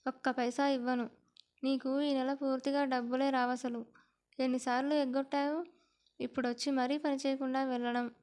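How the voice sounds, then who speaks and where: A woman storyteller voicing a harsh, bossy woman who loudly scolds her maid. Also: high voice, little pitch movement, moderate pace, clean tone, lightly acted. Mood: scolding.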